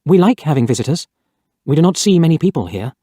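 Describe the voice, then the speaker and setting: A man voicing a sad, gentle young village woman in a storybook reading, giving soft, pleading warnings. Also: a little high, sing-song, fast, breathy edge, no echo, clean studio sound, pitched above the performer's own voice. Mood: friendly.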